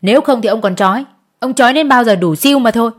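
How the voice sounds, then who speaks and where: A woman's voice: a little high, fast, natural voice. A woman voicing a harsh male village chief who bullies a peasant. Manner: shouting, scornful.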